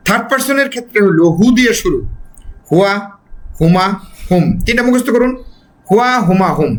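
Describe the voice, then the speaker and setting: A high-pitched man with a Bangladeshi Bengali accent gives an Arabic lesson. He works through it step by step, stretching out and repeating each example word as he drills it. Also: a bit bright. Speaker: Arabic language teacher.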